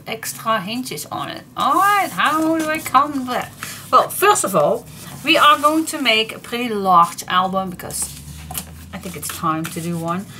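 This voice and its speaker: Slow, bright-voiced Dutch woman. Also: a little high, slight background noise. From Netherlands. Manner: chatty, giggly, self-correcting. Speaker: crafting tutorial host. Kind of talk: casual craft tutorial.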